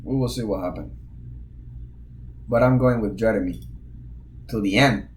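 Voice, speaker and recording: Excitable man chatting on stream. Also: fairly low pitch, normal speed, slight background noise. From Cuba. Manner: excitable, slangy, calls viewers bro. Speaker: live streamer. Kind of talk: casual live-stream chat.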